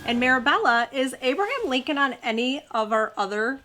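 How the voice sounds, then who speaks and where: Soft music plays as a woman with a high, very animated, sharp-toned voice reads a children's story aloud at a fairly quick pace. She's a mother hosting storytime for her child, reading with expression and casually asking young listeners questions.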